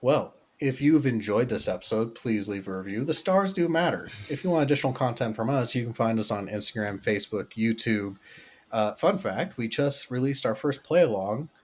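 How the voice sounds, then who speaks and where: A man's voice: medium pitch, expressive, normal speed, slight background noise. A man co-hosting a podcast in casual, crude banter, full of fillers and jokes. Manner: crude, joking, many fillers. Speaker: podcast co-host.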